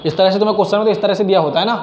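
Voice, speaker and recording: A man's voice: sits high, fairly even intonation, racing, darkish tone. A man teaching math in a casual classroom style, explaining step by step and mixing English math terms into his talk. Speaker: math tutor. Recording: echoey room, faint background noise.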